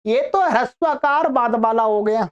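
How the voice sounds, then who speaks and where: A woman teaching Sanskrit grammar online, explaining patiently step by step and drawing out example words slowly. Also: fairly high pitch, clean tone. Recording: dull lo-fi recording.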